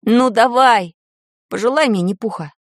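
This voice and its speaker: A woman voicing a brave young boy wizard who talks softly and earnestly in an audiobook. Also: fairly high pitch, measured pace, dry recording, studio quality.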